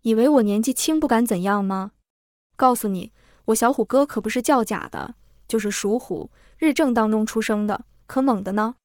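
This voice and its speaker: A woman voicing a rude, boastful young male inn servant who talks gruffly and scolds. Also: a little high, animated, a little fast, a little mellow, no room sound, studio quality, close to an everyday voice. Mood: boastful threats.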